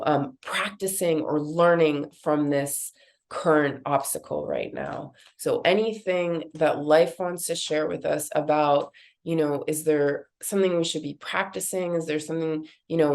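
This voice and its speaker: Woman card reader, deep-ish nasal voice, casual rambling delivery. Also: a little mellow. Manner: casual, rambling, many fillers. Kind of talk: guided intuitive card reading.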